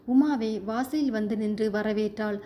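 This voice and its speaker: A woman reading a short story aloud in steady, measured narration. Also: mid-range voice.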